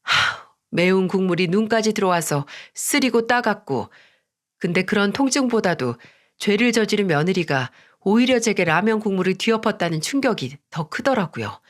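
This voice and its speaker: A woman reading a first-person family drama story aloud. Her voice sits at a middle pitch and stays measured and subdued through the telling. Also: animated.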